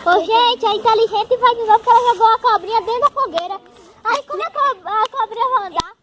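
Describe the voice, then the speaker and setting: A teenage girl, chatting excitedly to viewers while filming on a phone outdoors. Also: very high voice, quick pace. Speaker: vlogger. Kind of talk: casual chat to camera. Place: outdoors at a bonfire. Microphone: phone camera. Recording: loud outdoor noise behind.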